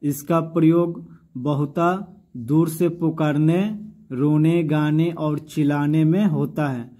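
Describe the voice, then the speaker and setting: A man teaching in a relaxed, conversational way, speaking. His voice is mellow and sits a little high, and he often stops to ask questions and go over points again. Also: slow pace. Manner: addresses students affectionately, repeats and asks questions. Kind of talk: casual classroom explanation.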